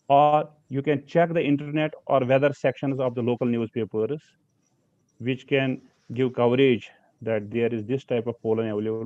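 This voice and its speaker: Halting man lecturing over a video call. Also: mid-range voice, a little mellow, no room sound. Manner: halting, many fillers and restarts. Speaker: lecturer on pollen allergy. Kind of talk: online slide lecture. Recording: slightly dull video call audio.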